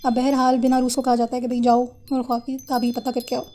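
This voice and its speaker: Woman storyteller, high mellow voice, chatty retelling of a religious tale. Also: completely flat delivery. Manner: conversational, retells scenes in simple words with fillers. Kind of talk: casual narration of a religious story.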